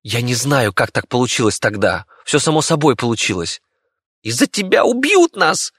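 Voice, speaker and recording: A man's voice: medium pitch, sing-song, normal speed, fairly bright tone, husky, no echo, studio quality, pitched above the performer's own voice. A man voicing a desperate young boy who pleads in a strained voice.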